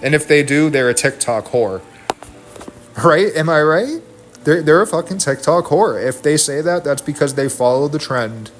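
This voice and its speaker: A man's voice: a little high, normal speed, few pauses, faint music behind. Profane, ranting male streamer. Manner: heated, profane, rambling rant.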